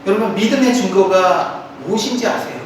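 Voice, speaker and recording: A man's voice: high-pitched, fairly quick, a little hiss or hum. A male pastor giving a sermon in a friendly, conversational way, speaking straight to his congregation. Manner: conversational, addresses the congregation directly. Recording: echoey hall from a distant mic.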